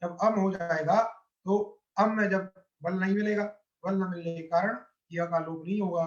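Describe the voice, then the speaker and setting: A man teaching a grammar lesson step by step, asking his class questions and answering them himself. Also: high voice. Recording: roomy, dull lo-fi sound.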